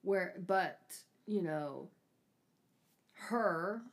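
A woman's voice: lowish voice, expressive, very slow. A woman co-hosting a casual book discussion, talking hesitantly and trailing off with fillers. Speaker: book podcast co-host.

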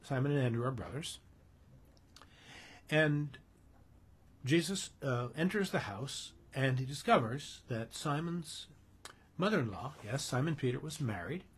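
A man's voice: mid-range voice, expressive, unhurried, pauses often, husky. A man preaching a sermon, explaining a Bible passage and often restating his words to clarify them. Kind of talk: sermon, expository Bible teaching.

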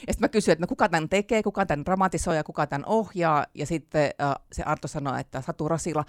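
An author and theatre teacher, appearing as an interview guest, chats casually with many fillers and frequent laughter. The voice is medium-pitched, recorded dry with studio quality.

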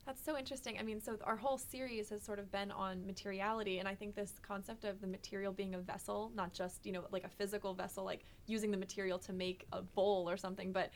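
Woman interviewer, a bit of vocal fry, engaged and chatty with lots of yeahs. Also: mid-range voice, steady tone, fast, hardly any pauses, slight background noise. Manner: engaged, frequent short affirmations. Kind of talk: interview conversation.

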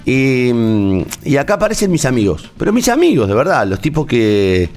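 A man's voice: medium pitch, big pitch swings, normal speed, darkish tone, faint music behind. A man with an Argentine Spanish accent, talking in a casual, rambling, emotional way as a host, with many restarts. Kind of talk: casual on-air chat.

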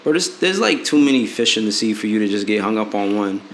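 Talking fast with a lowish, expressive voice, this man in his late twenties co-hosts a podcast and dishes out frank relationship advice. His delivery wanders, packed with fillers and false starts, and the recording has an echoey room sound with a little noise.

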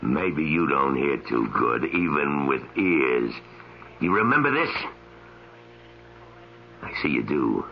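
Brief: deep-voiced sneering thug, swooping taunting delivery, vintage lo-fi radio play. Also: male voice, very animated, slow pace, long pauses, slight background noise, full character voice. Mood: menacing. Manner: taunting, drawling, mocking. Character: menacing male loan shark with a knife, cruel, mocking. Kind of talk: old-time radio drama acting. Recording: dull lo-fi old radio recording.

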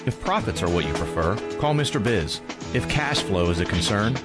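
A low-voiced man delivers a scripted hard-sell radio commercial. He pitches in repeated slogans over a clear music bed. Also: very animated, moderate pace. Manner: repetitive slogan-driven pitch.

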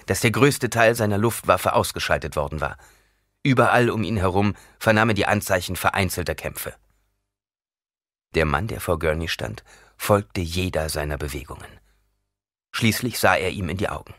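A man reading an audiobook aloud in an expressive, dramatic narration. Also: deep voice, normal speed, dry recording, studio quality. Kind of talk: scripted narration.

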